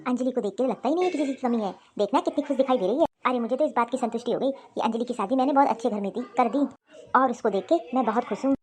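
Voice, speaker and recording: A woman's voice: a little high, rapid-fire, lightly acted. A woman doing a doting cartoon father. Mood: affectionate. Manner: warm, fussing, affectionate. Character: cheerful caring father of the bride, man. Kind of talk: animated cartoon voice acting.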